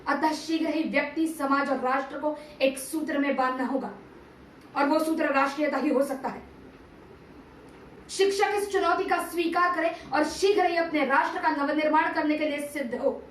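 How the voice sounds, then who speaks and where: A woman speaks in a high voice at normal speed, reciting, as an amateur, a theatrical TV serial monologue. Her character is a stern, patriotic male teacher-statesman of ancient India, delivered in solemn, declamatory, formal oratory. The sound is roomy from a distant mic, with faint background noise.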